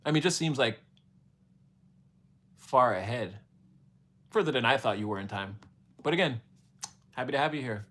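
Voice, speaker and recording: A man's voice: medium pitch, animated, normal speed, long pauses, fairly bright tone. Chill montreal guy rambling on a live stream, slangy, laughs a lot. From Montreal, Canada. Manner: laid-back, slangy, laughs often, rambling asides. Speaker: livestream host answering chat. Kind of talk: casual livestream chat.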